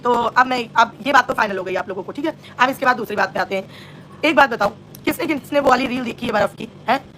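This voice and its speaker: A woman hosts a live-stream gossip commentary in a high, light voice. She scolds and taunts with heavy sarcasm, talking straight at the person she's calling out. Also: fast, pushed and bright, a little hiss or hum.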